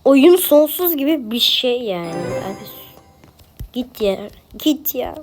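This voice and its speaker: A woman's voice: high-pitched, very animated, slow pace, a little mellow, soft background music. A woman with a Turkish accent, talking to herself and grumbling while she plays a video game. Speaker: gameplay streamer. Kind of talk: casual gaming commentary.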